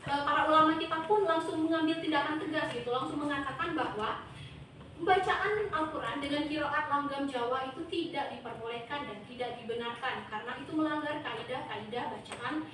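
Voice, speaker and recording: High-voiced young woman teaching a class. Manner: lively, asks the class questions. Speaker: student teacher. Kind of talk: classroom lesson. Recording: echoey classroom, far from the mic, noisy.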